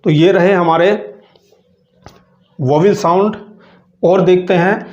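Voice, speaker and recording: A male teacher giving a grammar lesson, who explains patiently, repeats himself slowly and keeps addressing viewers as friends. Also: high voice, fairly even intonation, darkish tone. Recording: echoey room, dull lo-fi sound.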